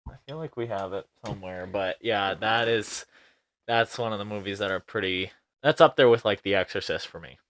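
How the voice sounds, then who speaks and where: A man's voice: lowish voice, brisk, no room sound. Chatty laughing man, dry close sound. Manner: chatty, laughs easily, animated retelling. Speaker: podcast co-host. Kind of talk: casual chat.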